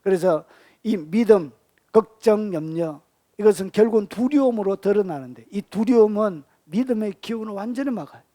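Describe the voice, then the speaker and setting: Animated Korean pastor with dry sound. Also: male voice, high-pitched, moderate pace, dry recording. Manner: swings from loud animated storytelling to hushed near-whispers; asks the congregation questions and answers them himself. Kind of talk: sermon.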